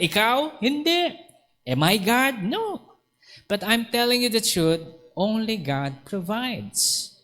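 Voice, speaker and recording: A pastor with a high-pitched voice preaches to his congregation and acts out both sides of the conversations he retells. His voice rings through a church hall with long reverb. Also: fairly bright tone. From Philippines. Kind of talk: Taglish sermon with storytelling. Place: church sanctuary.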